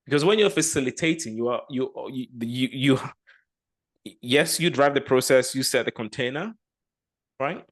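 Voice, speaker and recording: Appearing as a guest coach in a casual interview, a man reflects aloud and frequently restarts his phrases. He speaks at medium pitch and a moderate pace.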